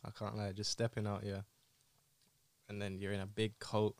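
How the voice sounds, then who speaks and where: A man's voice: lowish voice, monotone, moderate pace, no echo. A young man with a London accent, chatting casually and in slang as a podcast host among friends. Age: young adult.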